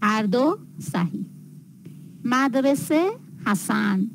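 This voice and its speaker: A woman teaches a class, spelling out words slowly and saying each one twice. Her voice sits a little high. A faint hiss runs under the recording. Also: animated, vocal fry, low-quality recording. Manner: explains slowly, repeating and dictating words. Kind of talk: classroom lecture.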